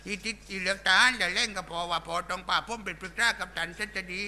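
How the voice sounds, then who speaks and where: A man's voice: sits high, fairly even intonation, fast, sharp tone, a little hiss or hum, full character voice. A man voicing a bawdy male village clown in a Southern Thai accent, telling coarse jokes in a live shadow puppet show. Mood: bawdy joking. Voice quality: coarse, rowdy, bantering.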